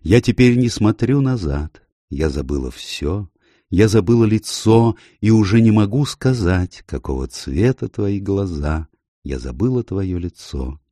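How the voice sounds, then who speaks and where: A man voicing a nightclub singer woman, delivering her song slowly in a half-sung lament. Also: low voice, dark tone, breathy edge, no echo, clean studio sound, voice pushed up, heavily acted.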